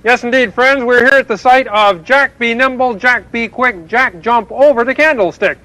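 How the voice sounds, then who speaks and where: A man's voice: extremely high pitch, moderate pace, pushed and bright, no room sound, rough recording. A man voicing a chipper male frog reporter in a puppet TV sketch, patient and explaining, with an announcer's manner. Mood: wry.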